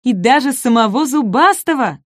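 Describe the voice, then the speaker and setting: A woman's voice: sits high, animated, normal speed, no echo, clean studio sound, pitched above the performer's own voice. A woman voicing a tiny, timid young male dinosaur in a children's storybook, eager and shy.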